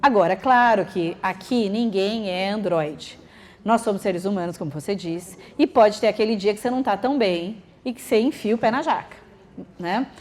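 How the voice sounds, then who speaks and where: A woman's voice: mid-range voice, normal speed. A woman lecturing teachers and parents, acting out what children and adults say. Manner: lively, acts out quoted children and adults.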